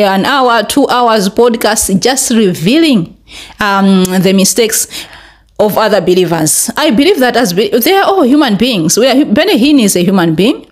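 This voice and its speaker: A young woman from Malawi talking earnestly to camera in a small bright room, with many fillers, her pitch rising when she presses a point. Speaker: vlogger. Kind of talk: casual commentary to camera. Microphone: desk podcast mic in front.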